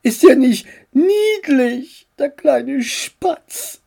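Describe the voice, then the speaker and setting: A woman's voice: expressive, extremely slow, vocal fry, exaggerated voice. A woman voicing a fond, doting aunt who coos and asks questions in a storybook reading. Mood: fond cooing. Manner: cooing, high and bright.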